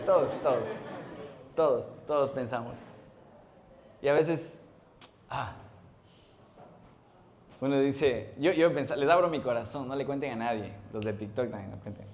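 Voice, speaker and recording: A man, a pastor preaching a sermon in a church, telling stories with animated acted-out voices and frequent laughter. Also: medium pitch, a little hiss or hum. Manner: animated storytelling, acts out voices, laughs often.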